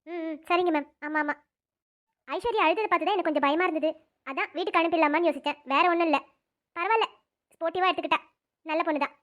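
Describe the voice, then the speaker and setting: A woman's voice: extremely high pitch, fast talker, pauses often, a bit bright. A woman voicing a nurse, camp teachers and schoolgirls in a cartoon drama, with a flustered, fussing manner.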